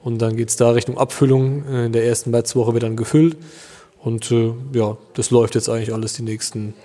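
Thirtysomething german winemaker guy, flat mellow voice, lots of ums, reverby room. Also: mid-range voice, brisk. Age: 30s. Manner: relaxed, hesitant with many fillers. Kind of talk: casual interview answers.

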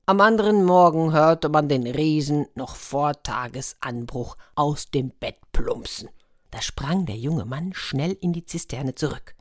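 A woman reads a fairy tale with a lively, expressive delivery. Her voice is low for a woman and deep in tone. The recording is close and dry. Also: a little slow, dry recording. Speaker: storyteller.

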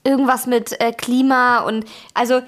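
A woman's voice: on the high side, flat delivery, moderate pace, a bit bright. A young woman co-hosting a casual podcast with her partner, telling stories with lots of giggling and acted-out dialogue. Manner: giggly storyteller, acts out dialogue. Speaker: podcast co-host. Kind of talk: casual couple chat.

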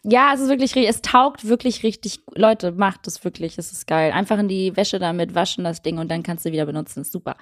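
A woman's voice: fairly low pitch, brisk, hardly any pauses, dry recording, studio quality. A woman co-hosting a casual chat podcast, chatty and teasing, laughing often. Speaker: podcast co-host.

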